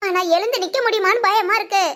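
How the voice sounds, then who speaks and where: A woman's voice: extremely high pitch, fairly even intonation, quick pace, fairly bright tone. A woman voicing a fussy, aching elderly mother-in-law in a family cartoon, complaining and chiding. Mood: grumbling. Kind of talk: Tamil family cartoon voice acting.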